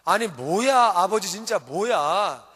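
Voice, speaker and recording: An angry older son from a parable shouts out his complaints, as a male preacher acts him out. The voice is high and forceful, and it echoes through a church hall. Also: very fast, gravelly, heavily acted. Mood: complaining.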